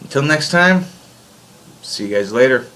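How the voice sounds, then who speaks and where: A man's voice: mid-range voice, expressive, moderate pace, bright, forceful tone. A man chatting casually and informally to the camera as an amateur video maker, in a laid-back way.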